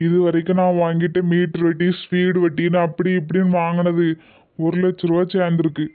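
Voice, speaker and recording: An actor voicing an older village moneylender, talking in an earnest, pleading way. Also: male voice, high-pitched, completely flat delivery, fairly quick, close to an everyday voice. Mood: remorseful. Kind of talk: cartoon voice acting. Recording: tinny phone-like audio.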